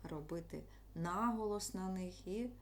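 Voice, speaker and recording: A woman's voice: on the low side, normal speed, slight background noise. A woman teacher explaining a school lesson to children, patient and step by step.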